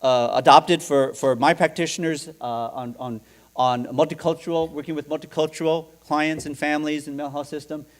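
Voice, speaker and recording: A middle-aged man presenting at a seminar, his voice sitting a touch high for a man. He talks in a halting way, restarting phrases and throwing questions out to the audience. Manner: halting, repeats words, asks the audience questions. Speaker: seminar speaker. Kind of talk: conference talk. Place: seminar room.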